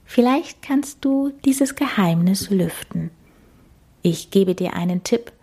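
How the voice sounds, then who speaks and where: A woman voicing a kind female whale in a storybook, with a warm and gentle voice. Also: medium pitch, lively intonation, takes it slowly, slightly rough, full character voice.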